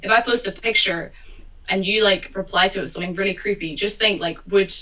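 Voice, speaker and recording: A woman's voice: mid-range voice, quick pace, pushed and bright, far from the mic, low-quality recording. A woman guest in a casual conversation on a video call, rambling with lots of fillers and repeated words.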